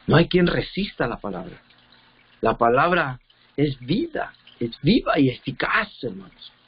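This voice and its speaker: A man preaching a sermon with fervor, reading scripture slowly and often repeating words as he searches for them. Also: medium pitch, very animated, husky, highs cut off. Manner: reads scripture slowly, drawn out.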